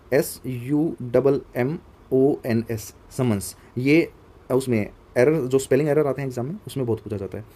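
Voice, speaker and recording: A man's voice: mid-range voice, warm tone. A young man teaching a vocabulary lesson for exam students, conversational and spelling words out letter by letter. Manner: conversational, asks viewers to comment.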